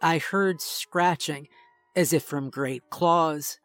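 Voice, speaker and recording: A man reading a first-person horror story in a tense, measured way. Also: a little high, a bit bright, no room sound. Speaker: narrator. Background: faint music.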